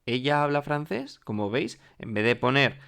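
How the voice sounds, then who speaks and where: A man's voice: mid-range voice, sing-song, normal speed, gravelly, fairly bright tone, smooth. A man teaching French to Spanish speakers in a classroom lesson, explaining patiently and checking in often with the class. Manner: explanatory, repeats "¿vale?" and "mirad" often.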